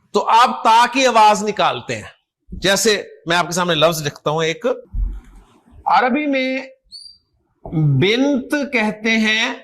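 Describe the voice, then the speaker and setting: A man teaching an Arabic grammar class, explaining slowly, demonstrating how to pronounce words and often checking that students follow. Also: high-pitched, a bit bright. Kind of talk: online class lecture.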